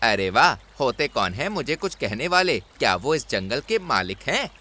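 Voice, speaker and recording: A man's voice: medium pitch, very animated, moderate pace, sharp tone. A man voicing a hot-headed young male monkey who complains indignantly. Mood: aggrieved.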